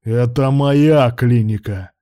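Harsh, barking male clinic boss in an audiobook, read by a male narrator; dark, dry. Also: lowish voice, fairly even intonation, normal speed, no room sound, natural voice. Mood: harsh, dismissive. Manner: barking, curt.

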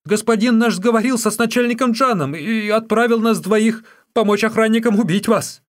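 A man voicing a terrified male henchman who stammers and talks in a high, loud panic. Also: moderate pace, close to an everyday voice. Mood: panicked.

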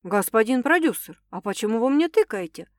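A woman's voice: fairly high pitch, big pitch swings, a little fast, no echo, studio quality. A woman voicing a firm, indignant young male coworker in an audiobook. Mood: stern firm. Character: stern young male coworker, calm peacemaker.

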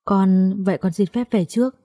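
Polite young man, voiced by a woman, respectful, warm tone, dry sound, audio storybook. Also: mid-range voice, normal speed, dry recording, lightly acted. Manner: courteous and respectful.

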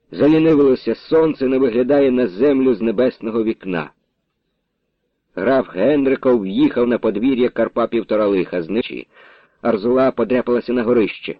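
A man reads a literary story aloud with a measured, expressive delivery. His voice has a medium pitch. The recording sounds dull and close, like an old radio broadcast with no room echo. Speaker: narrator.

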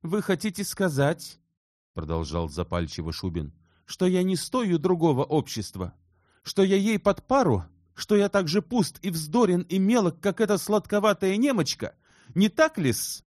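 A man voicing an excitable, touchy young male sculptor in an audiobook, with heated, shrill outbursts. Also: moderate pace, no echo, clean studio sound. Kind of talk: audiobook character reading.

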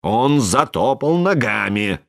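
A narrator reading a fairy tale aloud with expressive, dramatic delivery. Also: mid-range voice, slow pace, creaky. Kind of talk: storybook reading.

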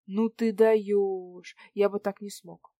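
A woman's voice: medium pitch, level tone, takes it slowly, warm tone, no echo, studio quality, lightly acted. Woman reads smug cynical man in his forties, sarcastic and pushy. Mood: mocking. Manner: sarcastic, needling questions.

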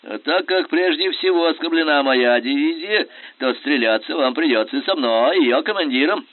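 A man's voice: on the high side, lively intonation, moderate pace, dry recording, voice pushed up, close to an everyday voice. A man voicing an imperious, scornful Russian general who talks in biting, sarcastic commands. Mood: commanding. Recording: tinny phone-like sound.

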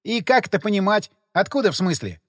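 Brief: male reader as a loud, gloating brawler, raised pitch, swinging delivery, dry sound. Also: animated, brisk, no room sound. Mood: gruff, prodding. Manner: mocking, snorting, loud. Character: gloating, quarrelsome man, jeering.

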